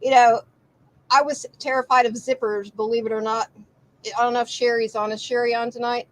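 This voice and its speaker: A woman's voice: on the high side, flat delivery, fairly quick, low-quality recording. A woman hosting a live quilt shop broadcast, chatting casually and rambling with restarts. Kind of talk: casual live-stream chat.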